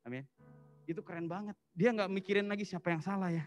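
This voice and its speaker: A male pastor giving a casual, lively sermon, telling the story in slang and mixing in English phrases. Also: high voice, fast talker, faint music behind. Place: church service.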